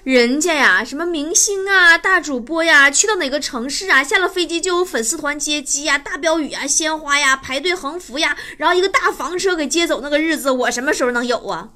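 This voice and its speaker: A woman's voice: high-pitched, a little fast, few pauses, bright, forceful tone, a little hiss or hum. A woman comedian, telling stand-up stories in a teasing, self-mocking way. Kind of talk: stand-up storytelling.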